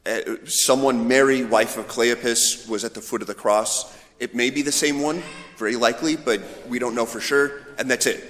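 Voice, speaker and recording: A male priest gives an informal, conversational homily in a storytelling style, voicing imagined dialogue as he goes. His mid-range voice is steady, a bit bright, and moderately paced, with slight background noise. The large church around him creates an echoey hall sound with long reverb.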